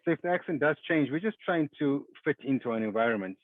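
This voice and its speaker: A man's voice: mid-range voice, quick pace, dry recording, narrow, tinny audio. Podcast host, man from Zimbabwe, encouraging and easygoing, phone-thin call audio, dead-dry sound. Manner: friendly, relaxed, encouraging. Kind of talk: casual interview chat.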